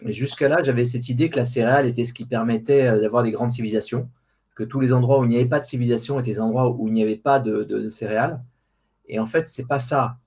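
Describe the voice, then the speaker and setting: A man's voice: medium pitch, fairly even intonation, fast, darkish tone, slightly rough. A man answering casually as an interview guest, hesitant and often repeating words while he searches for the next one. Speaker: interview guest, online diet group administrator.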